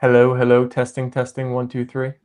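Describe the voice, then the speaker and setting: A man hosting a casual stock livestream over a video call, his voice in an ordinary middle range. He speaks loosely, sprinkling in "like" and "um" as he asks questions. It sounds like relaxed, unscripted talk. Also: mid-range voice, brisk, smooth. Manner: loose, lots of "like" and "um". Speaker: livestream host.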